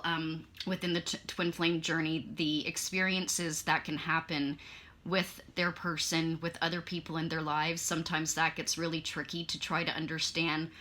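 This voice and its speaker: Here a woman does a laid-back card reading as a tarot and oracle reader, sounding lowish, bright and punchy even though her voice is partly gone. Chatty and wandering, she fills her talk with ums, corrects herself often, and pauses to clear her throat.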